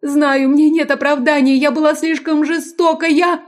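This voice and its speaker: A woman's voice: high voice, flat delivery, moderate pace, pitched above the performer's own voice, natural voice. A woman voicing a terrified young noblewoman who begs tearfully for her life. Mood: pleading. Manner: pleading, tearful and breathless.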